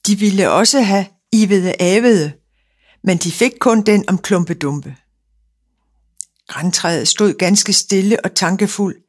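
Woman calmly reading a fairy tale. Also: medium pitch. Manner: calm, measured storytelling. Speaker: narrator.

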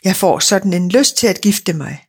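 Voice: medium pitch, expressive, husky. A storyteller voicing a simple, cheerful young farm lad who eagerly calls out and boasts in a storybook reading. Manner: eager, boastful, keeps calling out.

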